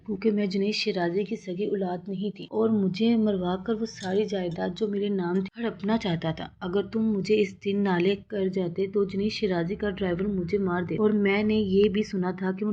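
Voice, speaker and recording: A young mother, hurt and defiant, her words tearful and sharp, as a woman narrator reads her lines. The voice is dark and mellow. The recording is dull and lo-fi. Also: medium pitch, natural voice.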